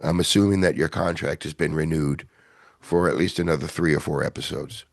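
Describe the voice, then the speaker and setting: A man hosting a podcast in casual chat, rambling and self-deprecating, with a gravelly voice. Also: a bass voice, steady tone, brisk, no echo, studio quality. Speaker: podcast host.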